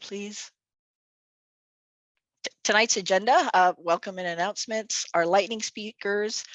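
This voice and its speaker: Speaking over a video call from a home or office, an executive director welcomes attendees to a virtual event and shares announcements. Her first language is Tagalog; she's upbeat, chatty, and full of fillers, with a mid-range voice on a dry, lo-fi recording.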